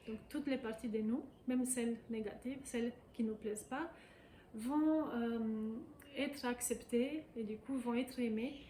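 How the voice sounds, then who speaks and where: A woman giving a guided emotional tapping lesson, speaking in calm, repetitive phrases. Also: a little high, a little hiss or hum. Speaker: EFT tapping practitioner. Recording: echoey room with faint ambience.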